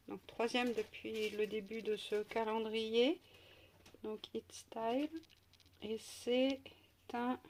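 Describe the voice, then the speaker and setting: A woman's voice: on the high side, slight background noise. A woman chatting casually through an unboxing at home, with many fillers, sometimes cooing to her pet. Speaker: beauty vlogger.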